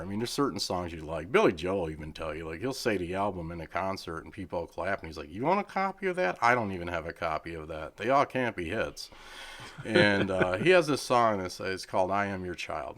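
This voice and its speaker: A middle-aged man, a charity head, telling a story in casual chat and acting out the people he quotes with lively swings in pitch. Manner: animated, acts out quoted people with raised pitch.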